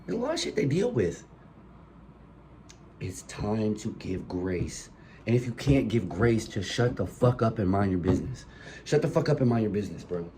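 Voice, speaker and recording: A mellow, lowish male voice comes through over slight background noise. The speaker is a young podcast host fighting a cold, sniffling as he preaches passionately, with swearing, into a phone microphone in a colored-light room for his solo show.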